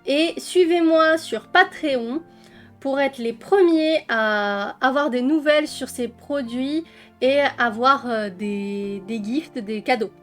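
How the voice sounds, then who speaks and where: A French woman flips through coloring books in a casual vlog, chatting away with many fillers and fond diminutives. She speaks slowly in a high voice over faint music.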